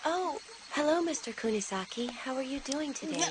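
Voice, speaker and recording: A woman voicing a calm, politely formal teenage schoolgirl in an anime dub, who speaks in a quiet, gentle way. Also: high voice, normal speed, over a noisy crowd. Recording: music playing behind the voice. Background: music.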